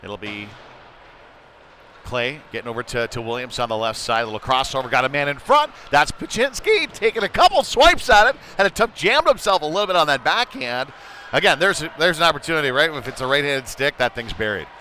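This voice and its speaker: A man with a somewhat high voice calls an amateur hockey game at a brisk pace, staying informal and conversational but getting excited when things heat up. A faint hiss or hum runs through the clip.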